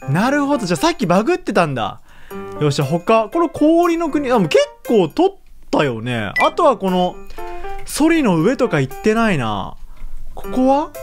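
Woman, gaming commentary, high-ish voice, laughs a lot, excitable. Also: normal speed, faint music behind. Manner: excitable, chatty, laughs often while reacting. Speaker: gaming YouTuber. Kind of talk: casual let's-play commentary.

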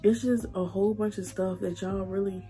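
A young woman, crying and halting as she tells her story while doing her makeup. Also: medium pitch, fairly even intonation, warm tone, soft background music. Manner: emotional, halting, repeats herself. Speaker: beauty vlogger. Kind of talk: tearful get-ready-with-me chat.

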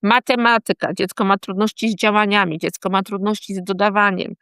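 Speaking briskly in a clear, resonant mid-range voice, a woman teacher walks parents and teachers through the warning signs of dyslexia. She stays lively, often tossing in tag questions such as "tak?" and "hmm?", and there's no echo.

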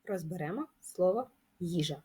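A woman teacher giving a lesson to young schoolchildren, explaining patiently and clearly. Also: on the low side, expressive, moderate pace, dark tone. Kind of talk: video lesson for children.

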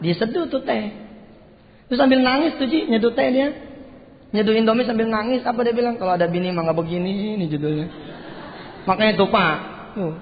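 A man preaching a sermon, telling a story in lively, colloquial speech and acting out the dialogue. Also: high voice, big-room sound, highs cut off.

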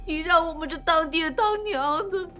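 Middle-aged country mother, high voice, wailing, sobbing pleas, with soft music. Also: normal speed. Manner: sobbing, pleading, melodramatic wailing.

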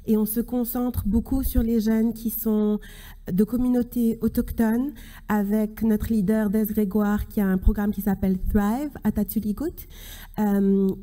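A woman in her thirties giving a closing conference speech from a podium, earnest and halting, with many restarts. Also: fairly high pitch, mellow. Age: 30s. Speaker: keynote speaker. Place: large conference hall stage at a podium. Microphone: podium microphone.

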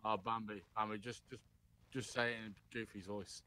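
A man's voice: lowish voice, fairly even intonation, moderate pace, sharp tone. A man chatting casually with his squad during a military video game, joking and teasing his teammates. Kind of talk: casual gaming chat with teammates.

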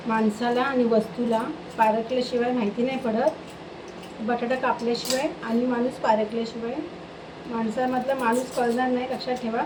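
A woman with a high voice talks casually through her home cooking, filming herself on a phone. The recording is noisy with clear household sounds around her. Her chat is easy and homely. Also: flat delivery, normal speed, reverberant, far from the mic. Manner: chatty, talks sweetly to her pets. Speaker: home vlogger. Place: home kitchen. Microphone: phone camera, self-filmed.

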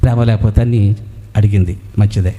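A man's voice: fairly low pitch, fairly even intonation, a little fast, warm tone, in a large hall, muffled recording, slight background noise. A man preaching a sermon as a pastor, who asks rhetorical questions and answers them himself, with frequent hallelujahs.

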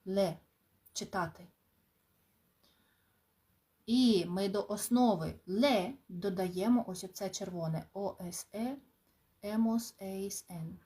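A woman language teacher speaking at a slow, deliberate pace, stretching out each word so learners can repeat after her. Her pitch sits in a middle range, and her delivery is patient and clear, with small relaxed asides between drills. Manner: clear, drawn-out drilling with pauses, warm asides and laughs. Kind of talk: slow, patient spoken lesson.

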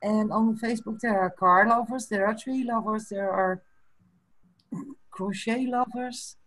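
Speaking from a small room over a video call webcam, this Frisian-speaking guest from the Netherlands, in her fifties, talks slowly and thoughtfully with little bursts of laughter in a casual chat. Her mid-range voice is steady and a bit bright, and the recording sounds rough.

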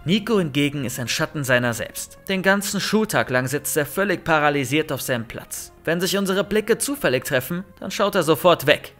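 A man reading a first-person horror story aloud in an expressive, lively storytelling manner. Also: on the high side. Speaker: narrator. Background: faint music.

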